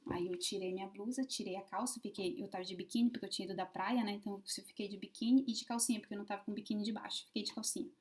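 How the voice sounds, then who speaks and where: A woman with a mid-range voice races through a personal story to camera, hardly pausing at all. Her casual, expressive delivery shifts from loud emphasis to hushed asides.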